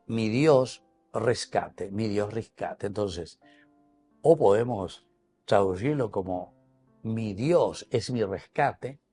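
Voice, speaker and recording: A man's voice: on the low side, dark tone. A man with a Paraguayan Spanish accent, a priest giving a teacherly Bible reflection on television. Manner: explanatory, teacherly.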